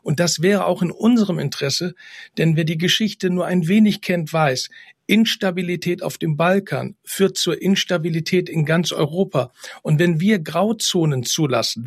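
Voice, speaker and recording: Fluent, assured man, slightly high voice. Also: dry recording, studio quality. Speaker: guest politician. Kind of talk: radio interview answers.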